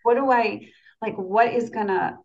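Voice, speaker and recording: A woman's voice: a little high, unhurried, gravelly, muffled recording, a loud crowd. A woman in her forties chatting casually and reflectively as a podcast guest, often checking in with "right?" and "you know". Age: 40s. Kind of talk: casual, reflective personal chat.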